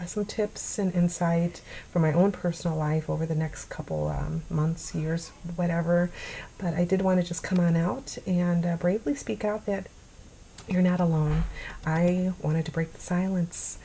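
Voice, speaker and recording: A middle-aged woman speaks earnestly to her camera, pleading and pausing as she fights back tears. Her voice is low and mellow with a gravelly edge. A faint noise floor sits under the home recording. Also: fairly even intonation, low-quality recording. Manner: earnest, pleading, halting with sighs and pauses. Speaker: vlogger sharing her story. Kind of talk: personal address to camera.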